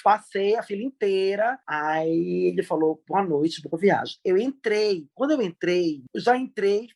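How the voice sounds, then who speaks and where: A Brazilian woman with a slightly husky voice speaks as a podcast guest. She tells her story dramatically and acts out what people said in lively voices. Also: mid-range voice, a little slow. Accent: Brazilian Portuguese. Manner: expressive, dramatic storyteller who acts out quotes. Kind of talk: animated storytelling.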